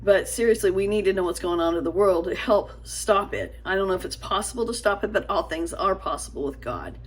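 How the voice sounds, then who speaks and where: A woman runs her own small channel and talks earnestly, almost pleadingly, to the camera. Her speech is casual and halting, full of fillers, restarts, and stumbles, in a medium-pitched, slightly rough voice.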